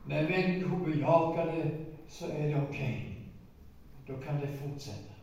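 A man in his nineties telling a story in a sermon, emphatic and slowing down for weight. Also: on the high side, a little mellow, lo-fi sound. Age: 90s. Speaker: preacher. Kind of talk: sermon testimony. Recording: echoey hall, distant mic, faint noise.

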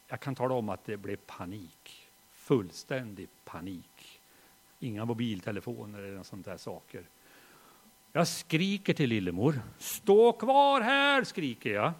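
Husky-voiced middle-aged pastor, animated and pitch-lively in a sermon. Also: male voice. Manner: dynamic, swings from hushed to loud storytelling. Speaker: preacher. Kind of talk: sermon with personal story.

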